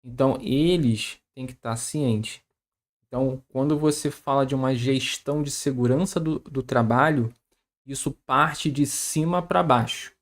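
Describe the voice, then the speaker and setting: A co-host on a live stream explaining a point in a measured, explanatory way, closing sentences with "tá?". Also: medium pitch.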